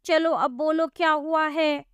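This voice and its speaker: A woman with a high, pushed-up voice speaks at a measured pace and steady tone in a dry recording. She acts out an impatient village police constable in a storybook tale, scolding and questioning people with exasperation.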